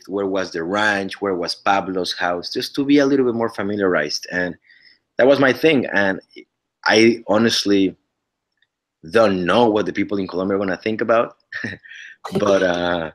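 A low-pitched Mexican man, Spanish by first language, speaks with a Mexican Spanish accent as an actor guest. He chats in a casual interview over a webcam video call from his living room. He's earnest and lively with his gestures, and he restarts often.

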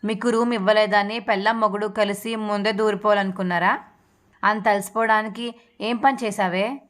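A woman's voice: medium pitch, fairly even intonation, normal speed, fairly bright tone, close to an everyday voice. A woman voicing a domineering middle-aged mother-in-law who scolds with contempt, read in a TV serial recap. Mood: scolding.

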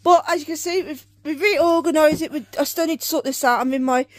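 Chatty high-voiced British woman vlogger. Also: brisk, no room sound. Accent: British English. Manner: chatty, rambling, self-correcting. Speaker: channel co-host. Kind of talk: casual collection vlog. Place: home room with game shelves.

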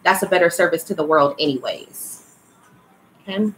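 Blunt, low-voiced woman reading oracle cards. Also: expressive, moderate pace, slight background noise, low-quality recording. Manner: casual, blunt, swears freely; calls listeners child and y'all. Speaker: spiritual card reader. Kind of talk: livestream oracle card reading.

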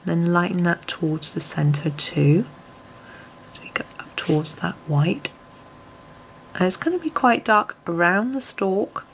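At her home desk, filmed from above, a woman with a lowish, slightly croaky voice leads a relaxed, step-by-step colouring tutorial. She is soft-spoken and often drops to a near whisper, with slight background noise in the room.

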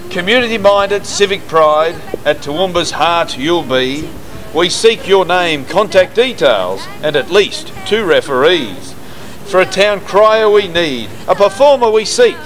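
A man acts out a proud town crier with an Australian accent. His voice is high and sweeps up and down as he slowly declaims a grand rhyming proclamation for a promo. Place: outdoors, paved urban courtyard by brick wall.

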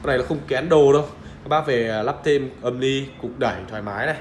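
A man with a Northern Vietnamese accent giving an insistent, repetitive hard-sell pitch as a shop seller showing off a product. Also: fast. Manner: insistent, repetitive, urging buyers. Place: indoor shop room with audio gear. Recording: roomy echo with faint background noise.

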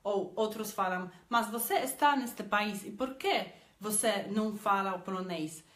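Her voice sits in the mid-range with a fairly bright tone, moving a little slowly, and the room sounds roomy. She is a Polish woman in her thirties who teaches languages, speaking with a Polish accent in a casual vlog shot on a phone in a small indoor room, full of hesitant "eh" fillers and repeated words.

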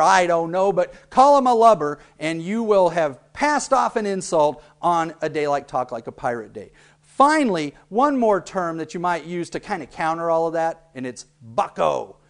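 A man's voice: sits high, expressive, normal speed. A man hosting a local cable TV segment, explaining things in a playful, joking way. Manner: jokey, playfully exaggerated delivery. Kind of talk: humorous explainer monologue.

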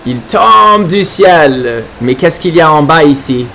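A man's voice: on the high side, lively intonation, slow, vocal fry, sharp tone, a little hiss or hum. A man teaching French to children, reading a holiday storybook aloud live and stopping to explain words in English.

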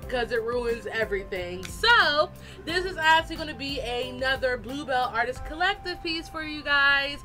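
A woman artist giving a chatty, animated, self-deprecating casual voice-over for a drawing video. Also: on the high side. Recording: fan blowing nearby, slightly distorted, music behind. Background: music and a fan running.

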